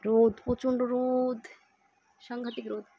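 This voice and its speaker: A woman's voice: on the high side, flat delivery, normal speed, no echo, highs cut off. A woman in her thirties, a vlogger and mother, chatting casually to viewers while going about her day at home. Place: rural home and courtyard on a hot day. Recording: outdoor ambience with passing vehicles. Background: traffic and ambient noise.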